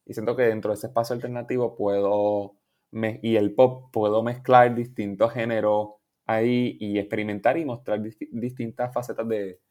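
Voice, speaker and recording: A young man from Puerto Rico with a Puerto Rican Spanish accent, a musician chatting in an interview, relaxed and rambling with English words mixed in. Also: fairly low pitch, moderate pace. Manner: relaxed, rambling, restarts often, laughs easily, mixes in English words. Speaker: musician guest. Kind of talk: casual interview chat.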